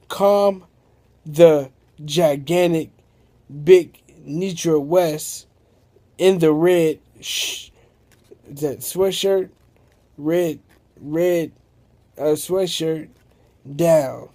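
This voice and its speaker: A man's voice: a little high, warm tone. A man improvising a story aloud, rambling and correcting himself as he goes.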